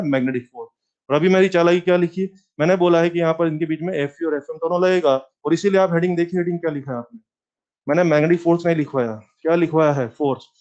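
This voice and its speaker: A man's voice: on the high side, a little mellow, dull audio. A man teaching a physics lecture who asks questions and answers them himself, mixing English terms into Hindi.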